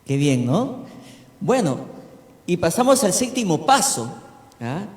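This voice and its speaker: A man's voice: high voice, very animated, takes it slowly. A man preaching as a pastor, teaching a congregation and often checking in with "¿no?". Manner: preaching with frequent "¿no?" check-ins. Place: church hall. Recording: echoey church hall with long reverb.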